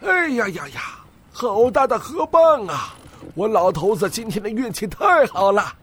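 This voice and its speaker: Give me a woman playing a jolly old fisherman for a kids' story, lively and slightly husky. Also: on the high side, a little slow, pitched below the performer's own voice, full character voice. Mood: delighted. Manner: exclaiming, chuckling delight. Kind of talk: children's story voice.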